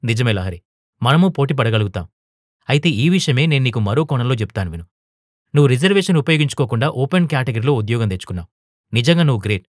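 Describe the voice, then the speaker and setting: A man's voice: mid-range voice, very animated, fast, no room sound, studio quality, lightly acted. A man voicing an outspoken young woman teacher in an audio storybook, earnest and turning heated. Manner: earnest, rising to heated protest.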